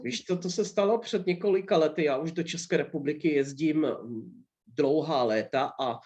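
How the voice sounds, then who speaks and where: Polish guy talking calm and measured, bit higher voice, muffled lo-fi sound. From Poland. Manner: measured, pauses with fillers mid-sentence. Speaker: guest. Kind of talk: casual multilingual conversation.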